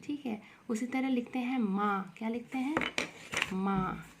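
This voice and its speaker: A woman teaching Hindi grammar to young children, slowly repeating words and asking questions to the class. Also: fairly high pitch, heavy background noise. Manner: slow, repeats words and asks questions to the pupils.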